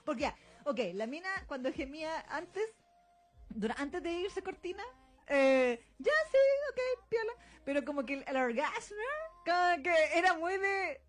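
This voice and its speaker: A woman's voice: high-pitched, expressive, unhurried. A young Chilean woman co-hosting a podcast in casual chat, slangy and laughing often, acting out lines in silly voices. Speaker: podcast co-host.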